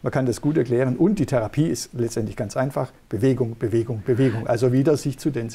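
A man's voice: medium pitch, quick pace, mellow, breathy edge. A middle-aged man, a neurologist, patiently explaining in an interview. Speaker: neurologist guest.

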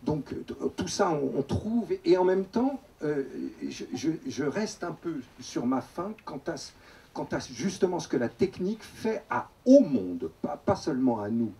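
A man in his fifties from Paris, moderating a public talk in a measured, formal way with frequent hesitations, speaking into a handheld mic. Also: a little high, sing-song, gravelly, warm tone, distant mic. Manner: measured, formal, many "euh" and "n'est-ce pas". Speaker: moderator, writer and teacher. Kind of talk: public talk, asking a question. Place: open tent at a rural festival.

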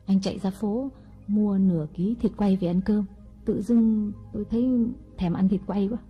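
Woman voicing a husky, scheming young wife. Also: medium pitch, steady tone, lo-fi sound, faint music behind, lightly acted. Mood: plain. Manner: sweet-talking, slow and deliberate. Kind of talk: audiobook character reading.

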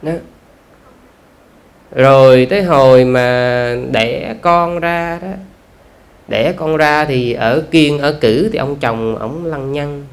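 Here a man, a Buddhist monk from the South of Vietnam judging by his accent, talks through the dharma in a conversational way. Rhetorical questions and drawn-out "à" sounds fill his mid-range delivery.

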